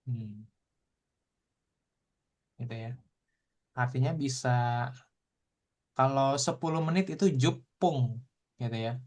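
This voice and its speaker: A man teaching a language class, explaining vocabulary in a relaxed way and repeating tag phrases often. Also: mid-range voice, slow pace, pauses often.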